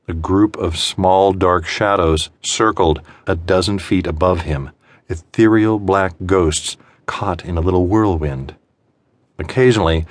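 A low-voiced man narrates an audiobook of suspense fiction. His phrasing is measured and deliberate, punctuated by dramatic pauses.

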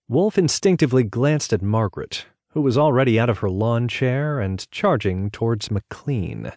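Man reading an audiobook, steady and even, mid voice, super dry close mic. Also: mid-range voice, dry recording. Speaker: audiobook narrator. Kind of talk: scripted audiobook narration.

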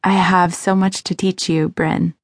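A teasing young man in an audiobook, playful and a little irreverent, as a woman narrator reads his lines. The voice sits low and dry, right up against the mic. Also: little pitch movement, a little slow, dry recording.

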